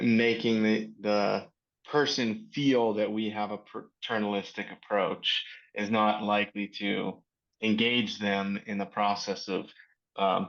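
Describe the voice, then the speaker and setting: A man explaining ideas on a livestream panel, talking quickly with many fillers. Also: on the low side, gravelly, a bit bright, highs cut off. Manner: fast, filler-heavy explaining. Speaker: panel co-presenter. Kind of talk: casual panel discussion.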